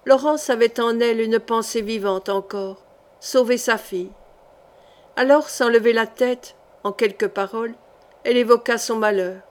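A woman's voice: a little high, normal speed. Woman narrating a dramatic novel. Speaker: audiobook narrator. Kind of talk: reading a historical novel aloud.

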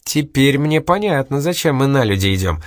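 A man reading aloud and voicing a sly, stubborn young woman, raising his pitch in a coaxing, teasing manner. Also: big pitch swings, moderate pace, no room sound, clean studio sound, close to an everyday voice.

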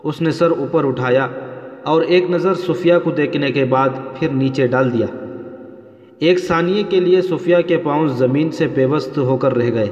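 A man reading a novel aloud in a steady, dramatic way, heard as dull, lo-fi audio in a roomy space with long reverb. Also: on the high side. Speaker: narrator. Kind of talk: scripted narration of a novel.

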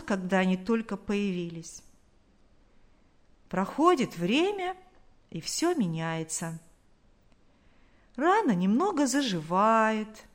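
A woman reading the part of a hoarse older male neighbor who muses in a folksy, philosophical way. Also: on the high side. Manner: unhurried, musing, calls her "kiddo".

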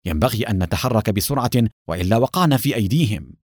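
A man's voice: on the low side, expressive, rapid-fire, a little mellow, no echo, clean studio sound. A man voicing a young female agent who speaks with urgency. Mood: urgent. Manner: urgent, insistent.

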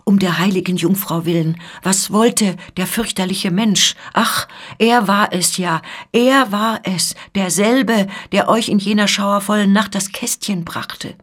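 A woman with a husky voice voicing a frightened old maidservant who cries out pleading in a literary radio reading. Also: medium pitch, unhurried, pitched above the performer's own voice, close to an everyday voice. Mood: terrified.

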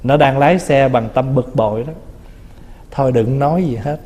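Buddhist monk giving a warm-toned dharma talk. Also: male voice, mid-range voice, moderate pace. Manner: conversational, teasing, acts out little quotes. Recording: long reverb of a hall.

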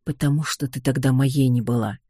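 A reader voicing a calm, dryly affectionate young sorcerer who heads his clan, in an audiobook. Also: mid-range voice, fairly quick, husky, no echo, clean studio sound, lightly acted.

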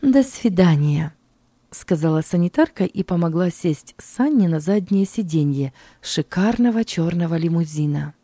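A woman narrating an audiobook in a measured storytelling manner, close to the mic. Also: fairly low pitch, expressive, mellow, dry recording. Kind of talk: scripted narration.

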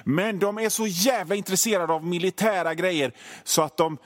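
A man's voice: sits high, fairly even intonation. A man hosting a radio show, delivering a sarcastic, rambling comedy monologue with plenty of swearing. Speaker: radio host.

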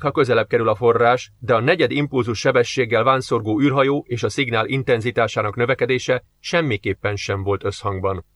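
A man narrating an audiobook in an even, measured storytelling manner. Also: mid-range voice, dry recording. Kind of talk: scripted narration.

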